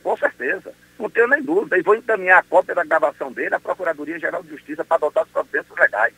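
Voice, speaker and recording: Um homem, promotor de justiça, falando por telefone numa entrevista de rádio matinal, enfático e indignado. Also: male voice, on the high side, racing, creaky, sharp tone, husky, dry recording, low-quality recording. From Brazil. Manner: emphatic, indignant, insistent. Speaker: public prosecutor. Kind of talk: phone interview on morning radio.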